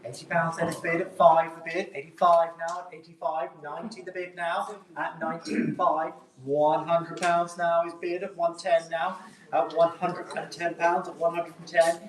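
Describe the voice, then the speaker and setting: A man's voice: fairly high pitch, little pitch movement, normal speed, recorded from a distance. A man working as an auctioneer, calling lots and bids live in a polite, repetitive patter of numbers. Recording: echoey room, picked up from afar.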